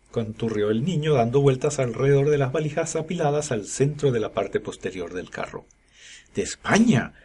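Male podcast narrator, steady audiobook-style reading, slightly husky. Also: mid-range voice. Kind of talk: scripted narration.

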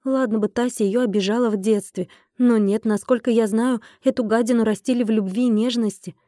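A woman narrating a first-person romantic fantasy audiobook in a steady, wry tone. Close studio miking with a dry sound and no room behind it. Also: fairly high pitch, fairly quick, dry recording.

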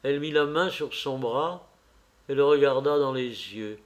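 A man narrating a classic novel as an audiobook reader, in a low-key dramatic way. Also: a little slow.

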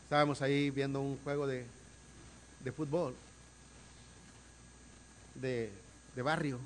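A man preaching a sermon as pastor, swinging from quiet asides to loud, emphatic calls and repeating words for emphasis. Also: medium pitch, level tone, slow, slight background noise.

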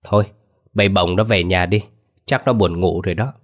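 A man voicing an easygoing old village grandfather, speaking in a relaxed, offhand way. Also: low voice, moderate pace.

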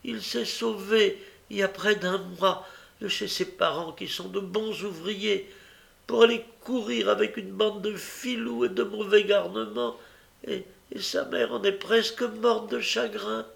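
A man voicing a sly young woman pickpocket who fakes loud, shrill distress in a storybook reading. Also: unhurried, gravelly, exaggerated voice. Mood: indignant. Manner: wailing, shrill, overacted distress.

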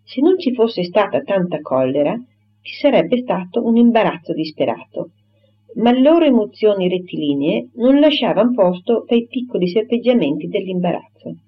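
A woman reading a classic novel aloud in a measured, literary narration. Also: medium pitch, animated, breathy edge. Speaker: audiobook reader. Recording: dull lo-fi recording.

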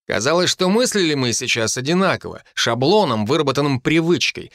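A man's voice: medium pitch, a bit bright, no room sound. Male audiobook narrator, dry close recording. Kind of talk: scripted first-person audiobook narration.

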